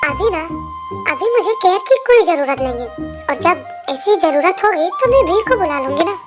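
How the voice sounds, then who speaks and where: Woman voicing a gentle pregnant young wife. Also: very high voice, big pitch swings, moderate pace. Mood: soothing. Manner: soothing, gently chiding. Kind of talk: fan story narration. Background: faint music.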